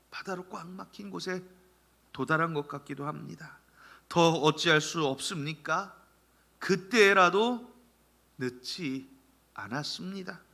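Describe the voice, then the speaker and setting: A man preaching a Sunday sermon, swinging from loud calls down to soft, near-whispered lines. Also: fairly high pitch, creaky. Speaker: pastor.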